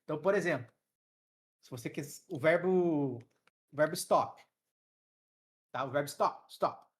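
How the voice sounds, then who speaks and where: Brazilian woman, online English teacher on a headset, slightly low husky voice, patient step-by-step explaining. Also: unhurried. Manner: explains grammar rules step by step, checking in with students. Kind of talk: live online class.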